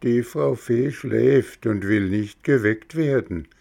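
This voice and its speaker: A man voicing a calm, unhurried female snail in a storybook reading, speaking in a placid, drawn-out way. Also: medium pitch, gravelly, pitched above the performer's own voice.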